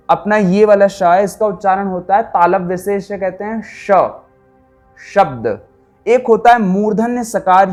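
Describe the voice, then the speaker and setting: Slow-speaking male language teacher. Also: sits high. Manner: asks questions and answers them himself; spells out sounds one by one. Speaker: Sanskrit teacher. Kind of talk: spoken lesson.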